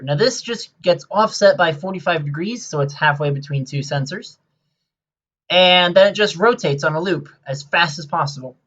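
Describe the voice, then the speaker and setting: Man, casual gameplay commentary, rambling, excitable, lots of fillers, slightly muffled lo-fi mic. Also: fairly high pitch.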